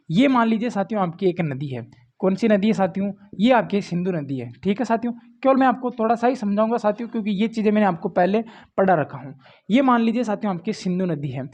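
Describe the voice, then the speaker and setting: A man's voice: sits high, mellow. Man teaching, quizzing himself aloud. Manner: repeats questions to students and answers them himself. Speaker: Hindi grammar teacher. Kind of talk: exam-prep lecture. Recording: dull lo-fi audio.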